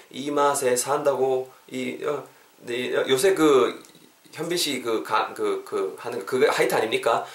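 A man runs a casual podcast English lesson, talking in a chatty, joking way that keeps drifting into asides. His pitch swings a lot, bouncing up and down through each explanation. He sounds slightly away from the mic, in a room with noticeable echo. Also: fairly bright tone, far from the mic. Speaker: English teacher, podcast host.

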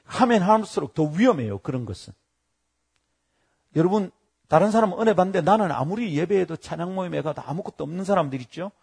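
Middle-aged male pastor, sermon delivery, slightly higher voice with lively, animated storytelling. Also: fast talker, vocal fry, breathy edge.

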